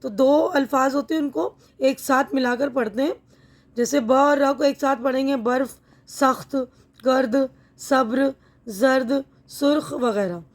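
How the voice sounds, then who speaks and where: A woman teacher with a high, light voice walks pupils through a textbook lesson. She is patient and methodical, spelling out each word slowly and often pausing to check that they follow. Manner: patient, repeats words slowly, checks understanding.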